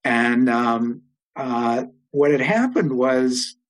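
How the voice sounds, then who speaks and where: An older man, an interview guest, telling long stories in a rambling way with many pauses and fillers. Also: mid-range voice, low-quality recording. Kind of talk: oral history storytelling.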